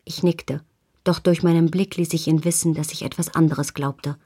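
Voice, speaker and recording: A woman calmly narrating a novel in the first person as an audiobook reader. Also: deep voice, normal speed, husky.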